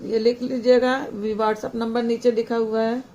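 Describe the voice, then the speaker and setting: A woman teacher giving an online class lesson to young children, slowly and deliberately spelling out example words one by one. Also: on the high side, level tone, warm tone, muffled recording, a little hiss or hum.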